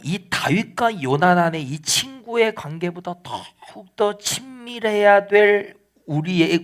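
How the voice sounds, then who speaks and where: A man's voice: high-pitched, a bit bright. A male pastor preaching a midweek church sermon, explaining scripture in plain conversational words and rising to emphatic pleading. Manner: explains scripture in plain conversational paraphrase, acting out quoted lines.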